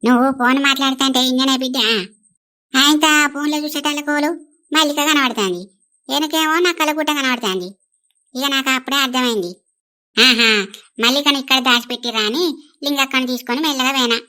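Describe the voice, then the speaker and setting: Rajavva, a shrill bold village granny, voiced by a woman. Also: quick pace, sharp tone. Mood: bossy. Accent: Telangana Telugu. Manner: bold, boastful, scolding. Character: feisty old village grandmother. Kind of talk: animated village comedy dialogue.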